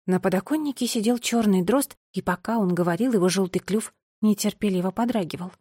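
A woman narrating a children's audiobook in the first person, with lively storytelling. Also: medium pitch, a little fast, slightly rough, no room sound, clean studio sound.

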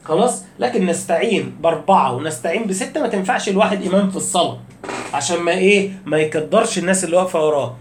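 Casting: Egyptian Arabic-accented male recitation teacher, high voice, echoey room, chatty rhetorical questions. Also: racing, slight background noise. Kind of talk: casual spoken lesson.

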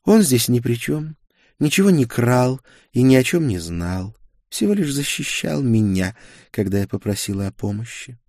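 A man's voice: mid-range voice, very animated, normal speed, warm tone, no echo, studio quality, pitched above the performer's own voice. A man reading an audiobook, voicing a proud young witch with a silky, mockingly polite and scornful manner. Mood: scornful politeness. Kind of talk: audiobook character voice.

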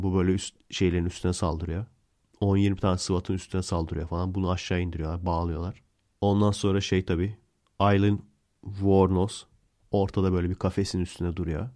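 A man's voice: low voice, mellow. A man hosting a podcast, casually retelling a film plot in a rambling way and correcting himself as he goes. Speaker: podcast host.

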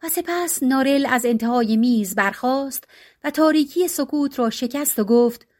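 A woman reading a fantasy story aloud as an audiobook narrator, in a measured literary storytelling manner. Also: sits high, a little mellow. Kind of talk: scripted narration.

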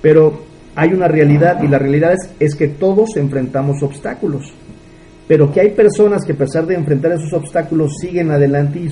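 Speaking with a Mexican Spanish accent, this man in his thirties delivers a heartfelt motivational business talk as a mentor, throwing out rhetorical questions. His pitch is fairly high and his tone mellow, captured on a low-quality recording with a little background noise.

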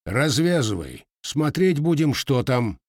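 A man voicing a quarrelsome middle-aged peasant who talks in a shrill, demanding, whining way. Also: very animated, slow, dry recording, clean studio sound, exaggerated voice.

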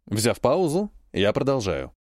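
A man giving scripted, expressive narration of an audiobook. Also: mid-range voice, measured pace, no echo, clean studio sound.

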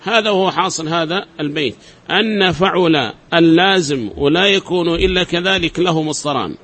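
A man's voice: on the high side, normal speed, a bit bright. A man teaching a class, explaining step by step, repeating examples and quizzing his students. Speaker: teacher of Arabic grammar. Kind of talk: classroom lecture.

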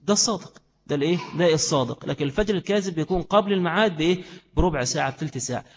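A man's voice: fairly high pitch, rapid-fire, big-room sound, slight background noise. A man with an Egyptian accent giving a religious lesson, who asks his listeners questions and answers them himself. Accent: Egyptian Arabic. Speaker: Islamic teacher.

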